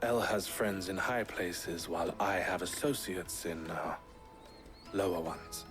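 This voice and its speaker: A composed, friendly smuggler in a video game, on the low side. He speaks calmly and evenly, with a faint guitar-like score behind. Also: unhurried. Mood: wry, friendly. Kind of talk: video game drama acting.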